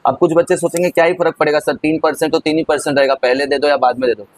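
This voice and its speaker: A man gives an accounting lesson at a rapid clip, his voice sitting a little high for a man. He chats straight to his students and calls them kids as he works through each step. He keeps the talk easy and familiar. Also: steady tone, rough recording. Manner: chatty, addresses students as kids. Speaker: teacher. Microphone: recorded over on-screen writing.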